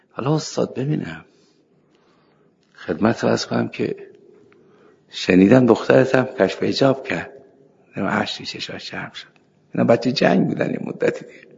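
A man's voice: on the low side, vocal fry, a little mellow, a little hiss or hum. A middle-aged man, a cleric, giving an informal religious lecture, telling anecdotes, reciting scripture and chuckling now and then. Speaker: cleric teaching seminary students. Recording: echoey hall, dull lo-fi sound.

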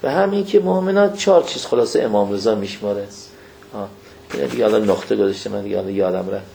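Gravelly-voiced man preaching to a congregation. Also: lowish voice, warm tone, a little hiss or hum. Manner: folksy, addresses listeners directly with questions. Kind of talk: religious lecture to a congregation.

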